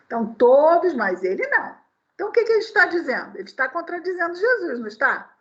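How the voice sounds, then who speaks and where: A woman lecturer gives a sermon-style spiritist talk full of anecdotes. Her voice sits high and moves a lot, and she keeps checking in with her listeners through rhetorical questions. The recording is dull and lo-fi. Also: very animated, fast talker, bright, forceful tone.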